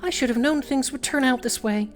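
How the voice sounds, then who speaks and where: A woman's voice: high voice, a little fast, soft background music, pitched above the performer's own voice, lightly acted. A woman voicing a regretful teenage mermaid princess in a game.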